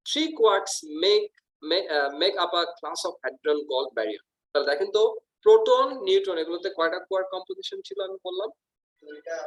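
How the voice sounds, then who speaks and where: A man's voice: a little high, fairly bright tone, poor audio. A male physics teacher, giving a recorded lesson. He moves between Bengali and English and asks his students questions, then answers them himself.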